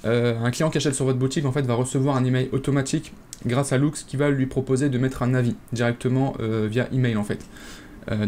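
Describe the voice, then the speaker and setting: A man's voice: mid-range voice, darkish tone, slight background noise. A man hosting a casual screen-share tutorial, talking straight to viewers with frequent hesitations and fillers. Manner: chatty, many "euh" fillers, addresses viewers directly. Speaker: e-commerce tutorial host.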